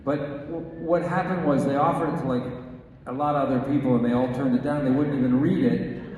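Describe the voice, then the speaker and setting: A man, a film actor, telling a lively behind-the-scenes story at a live Q&A and acting out the dialogue. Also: mid-range voice, brisk, narrow, tinny audio. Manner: animated storyteller who acts out the dialogue. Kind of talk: onstage anecdote at a live Q&A. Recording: echoey hall, mic from far off, background noise.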